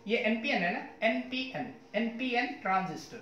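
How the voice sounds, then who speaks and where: A man's voice: very high-pitched, expressive, normal speed, pushed and bright, highs cut off, a little hiss or hum. A man teaching physics in a lecture, often asking his students questions and mixing English terms into his talk. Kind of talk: classroom lecture. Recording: echoey room.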